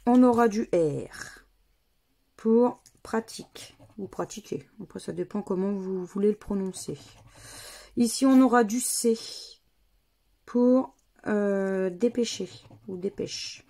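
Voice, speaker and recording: Her voice is medium in pitch and dark, and she speaks slowly with frequent pauses. She's a vlogger casually narrating her scratch games, spelling out each letter and number step by step.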